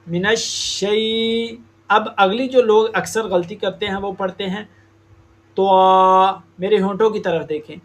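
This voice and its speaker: A man teaching Quran recitation, explaining slowly and stretching out demonstrated sounds. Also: high-pitched. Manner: slow, deliberate explanation with drawn-out demonstrated sounds. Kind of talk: tajweed lesson.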